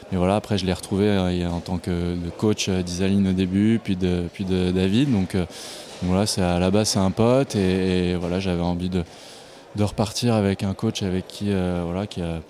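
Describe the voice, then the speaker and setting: A man from Paris, a tennis player answering post-match interview questions in a relaxed way, with many hesitations and fillers. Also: sits low, fairly quick, a little hiss or hum. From Paris, France.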